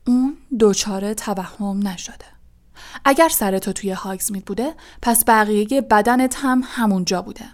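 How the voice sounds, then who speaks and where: A spiteful, thin male schoolmaster played by a woman reader hisses his taunts in a low, unvoiced whisper. The menace is kept soft and close, never raised, in a storybook audiobook reading. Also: lightly acted. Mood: accusing.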